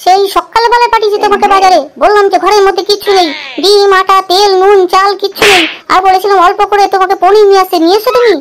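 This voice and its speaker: A woman voicing a nagging housewife in a cartoon, scolding her husband in rapid bursts. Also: extremely high pitch, steady tone. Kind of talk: cartoon voice acting.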